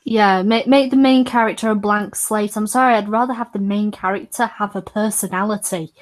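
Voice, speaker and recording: A woman's voice: mid-range voice, steady tone, normal speed. Twenty-something woman streamer, rambles on, laughs a lot, casual chat. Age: 20s.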